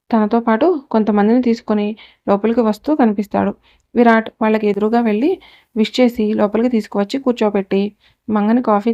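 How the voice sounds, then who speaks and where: A woman narrating a serialized family drama story in a steady, even reading voice. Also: mid-range voice, no room sound, highs cut off.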